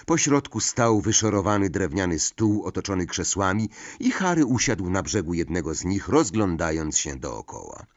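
A man narrating a storybook in an expressive, animated reading. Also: sits low, moderate pace, few pauses, dry recording, muffled recording. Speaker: audiobook narrator.

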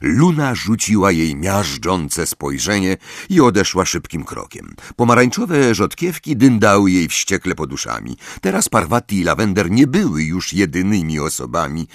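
A man narrating an audiobook in an expressive storytelling style. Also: sits low, normal speed, no room sound, studio quality. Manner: expressive storytelling, voicing every character.

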